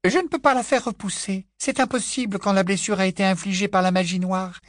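A man reading an audiobook, voicing an anxious, motherly witch who speaks high and tearful. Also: fairly even intonation, fairly quick, no room sound, studio quality, natural voice. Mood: distressed.

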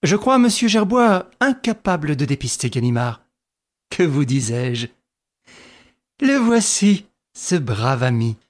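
A man reading the part of a suave, ironic young gentleman thief in an audiobook, with a lively, slow delivery. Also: a little high, exaggerated voice. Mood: ironic, assured. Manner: smooth, ironic, lordly.

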